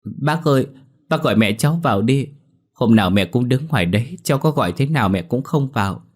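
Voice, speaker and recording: A man's voice: on the low side, expressive, a little fast. A man voicing a frightened four-year-old boy who pleads through tears in a spoken ghost story. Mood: tearful pleading. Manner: sobbing, pleading.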